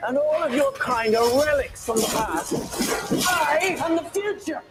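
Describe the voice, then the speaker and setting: An actor playing a theatrical, menacing tyrant in a fantasy film trailer. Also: male voice, extremely high pitch, lively intonation, a little slow, very noisy. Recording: loud music, film trailer playback.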